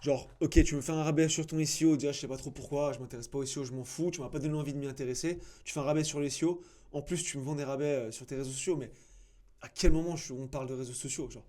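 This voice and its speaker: Male host, fairly high, dark-toned voice, blunt and sarcastic, lots of fillers. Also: steady tone, very fast. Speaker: agency founder critiquing a cold email. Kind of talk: casual commentary to camera.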